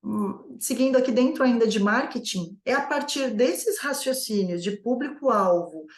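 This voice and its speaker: A woman's voice: fairly high pitch, expressive, measured pace, roomy sound. A woman coaching new business owners in a conversational lesson, asking herself many rhetorical questions. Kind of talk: online course lesson.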